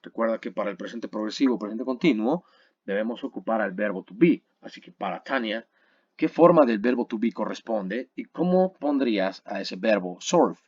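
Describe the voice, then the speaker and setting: Lively-voiced man teaching a grammar webinar. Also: on the low side, husky, no echo, lo-fi sound. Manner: explains patiently, checks in with "¿sale?" and "¿vale?"; slows down to spell and model English words. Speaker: English teacher.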